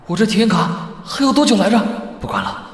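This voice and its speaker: A cocky, crude ring spirit. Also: male voice, high voice, wildly swooping pitch, fast talker, a little hiss or hum. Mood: flustered. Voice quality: brash, mocking, swears under his breath. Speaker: lead character. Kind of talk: animated series voice acting.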